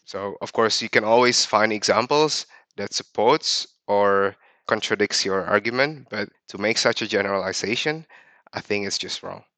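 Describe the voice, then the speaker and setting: A man in his thirties from Indonesia shares his life story as a podcast guest. His voice is bright and forceful and sits a little low, recorded close and dry. He talks reflectively, often stopping to restart a sentence. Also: moderate pace, dry recording. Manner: reflective, with frequent restarts and fillers. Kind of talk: personal storytelling.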